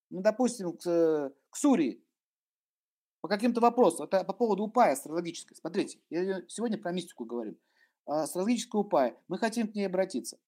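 A man teaching about mantras in a humorous spiritual lecture, animated and joking, acting out little scenes. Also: sits high. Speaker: esoteric teacher and astrologer.

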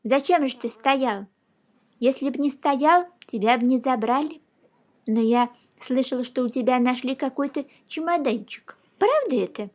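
A woman voicing a blustering old male judge who scolds loudly in a storybook reading. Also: high-pitched, moderate pace, natural voice. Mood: lecturing. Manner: loud exclaiming scolding.

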